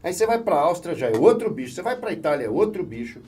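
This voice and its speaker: A middle-aged Brazilian man with a Brazilian Portuguese accent, a physician guest who explains things in a measured way and uses examples. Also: fairly high pitch, very animated, darkish tone. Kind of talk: explanatory conversation. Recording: voice a bit distant from the mic.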